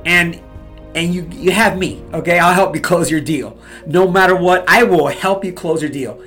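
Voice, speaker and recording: Pumped-up man with a motivational pitch. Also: moderate pace, fairly bright tone, faint music behind. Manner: pumped-up, repeats and pushes with "okay?" and "you guys". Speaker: real estate investor giving advice. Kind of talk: motivational talk to camera.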